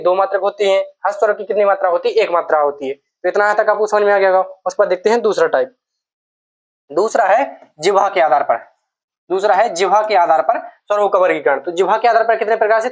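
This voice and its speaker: A woman with a medium-pitched voice teaches Hindi grammar for exam preparation. She explains step by step, poses questions and answers them herself, and keeps repeating key terms.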